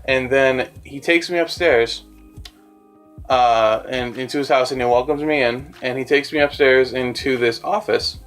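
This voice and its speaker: A man's voice: medium pitch, measured pace, fairly bright tone. A young man telling a rambling, self-deprecating story in a casual storytime vlog, with faint music behind him. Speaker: animator and storyteller.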